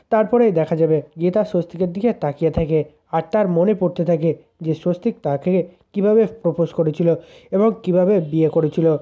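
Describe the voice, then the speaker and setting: A narrator plainly retelling a serial's episode as a story. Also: medium pitch. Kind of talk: storytelling recap. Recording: dull lo-fi sound.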